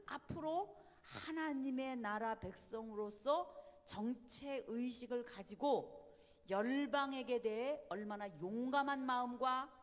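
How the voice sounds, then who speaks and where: Lady teaching a bible class, lively and emphatic, big echoey hall sound. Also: sits high. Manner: animated, asks the audience rhetorical questions. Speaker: Bible study lecturer. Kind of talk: lecture.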